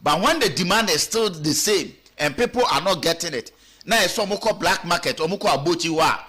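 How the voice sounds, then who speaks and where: A man's voice: on the high side, expressive, fairly quick, pushed and bright, husky. A man with a Ghanaian accent giving radio talk show commentary, firing off rhetorical questions and switching between English and Twi. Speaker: political commentator.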